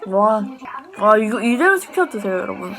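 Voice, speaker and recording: A woman's voice: mid-range voice, sing-song, moderate pace, crowd noise. A woman in her thirties chatting casually to her viewers as she eats, narrating her day. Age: 30s. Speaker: vlogger. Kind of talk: casual vlog chat. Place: cafés and lodging, indoors.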